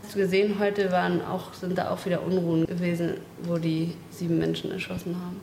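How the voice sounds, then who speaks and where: A woman in an office chatting casually with a colleague, planning a trip in quick, practical back-and-forth. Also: fairly low pitch, flat delivery, creaky, warm tone, reverberant, slight background noise.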